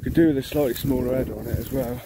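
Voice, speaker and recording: A man in a mid-pitched voice talks casually while filming a walk-around outdoors. He thinks aloud, with ums and half-finished restarts. A faint hiss of open-air noise sits under the phone recording. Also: fairly even intonation, racing. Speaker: vintage combine owner filming his machine. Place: outdoors in an overgrown field beside an old combine.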